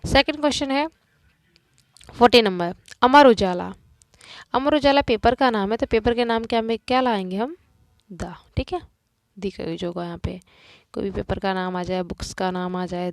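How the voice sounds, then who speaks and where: A woman's voice: medium pitch, dry recording. A woman teacher working through a grammar lesson, explaining each answer step by step and asking and answering her own questions.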